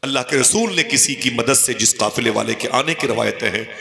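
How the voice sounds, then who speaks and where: A man giving an emotional sermon, telling the story with passion and rising to high cries when he quotes. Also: fairly quick, gravelly. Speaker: Islamic preacher. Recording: echoey hall with crowd behind. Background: listening crowd.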